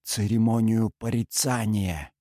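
A man's voice: fairly low pitch, unhurried, warm tone, no echo, clean studio sound. A man voicing a terrified radio operator who pleads in a trembling, barely audible voice.

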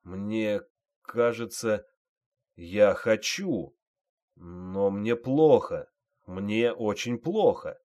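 A man voicing a frightened, drugged young male private who gives loud, strained replies, in an audiobook reading. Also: fairly low pitch, drawn-out words. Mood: faltering.

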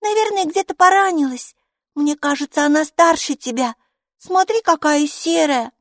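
A woman plays a cheerful, talkative six-year-old girl for an audiobook, with a voice that sits high, pitched above her own. The girl sounds eager and excited, full of questions, at a moderate pace, recorded in studio quality with no room sound.

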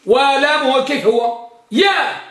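A man's voice: extremely high pitch, expressive, measured pace, fairly bright tone, roomy sound. A man teaching Arabic grammar. He quizzes his students and stretches out words to drive a point home. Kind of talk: Arabic grammar lesson with question-and-answer drill.

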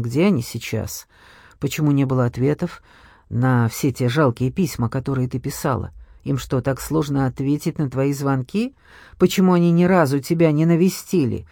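A man's voice: a little high, animated, measured pace, no echo, studio quality. A man voicing a cruel, mocking ex-husband who taunts in a sneering way. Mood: menacing.

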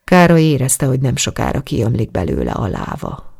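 An audiobook reader narrating a romance story calmly and in a measured way. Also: mid-range voice, vocal fry, breathy edge. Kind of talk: scripted narration.

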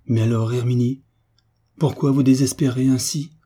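A man's voice: mid-range voice, steady tone, moderate pace, warm tone, breathy edge, pitched above the performer's own voice, close to an everyday voice. A man voicing an anxious young heiress in an audiobook, full of astonished questions. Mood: bitter. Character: young rich heiress, anxious concerned friend. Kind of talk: audiobook reading.

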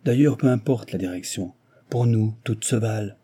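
A man's voice: on the low side, moderate pace, dark tone, husky. A man reading voicing an assertive American adventurer who speaks emphatically. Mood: commanding.

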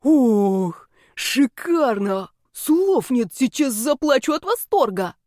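A woman doing a big, cheeky male snake-man from a storybook, raised high and sing-song in a gushing, theatrical way. His timbre is odd and put-on, with squealing outbursts, in a dry, close recording. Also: very animated, slow pace, a little mellow, no echo, exaggerated voice.

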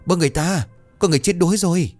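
A man voicing a frightened young village man who talks in a frantic, rushed way. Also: on the low side, expressive, soft background music. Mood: panicked.

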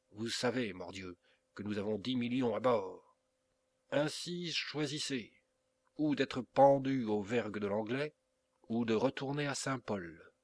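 A man reading an audiobook, voicing a hot-tempered male pirate captain who barks orders in a loud, gruff, commanding way. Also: on the low side.

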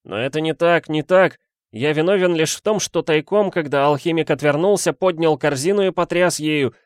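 A man's voice: on the high side, normal speed, smooth, no echo, clean studio sound, voice pushed up, natural voice. A man voicing a panicky young male fugitive who pleads and wails his innocence in a rush of words. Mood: pleading. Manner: frantic, wailing, words tumbling out.

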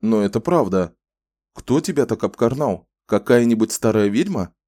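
A frank, good-natured grown man who teases kindly and speaks bluntly, as the audiobook reader plays him. His voice is low and mellow, close to the reader's own. The sound is dry and close to the mic. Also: expressive, moderate pace. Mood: teasing lively. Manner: frank, teasing.

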